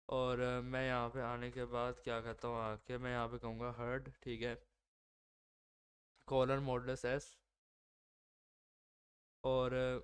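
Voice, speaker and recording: A man's voice: medium pitch, clean tone. A man with a sore throat talking through his code in a casual coding walkthrough, thinking aloud with lots of fillers and self-corrections. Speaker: coding tutorial host. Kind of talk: screen-recorded coding walkthrough.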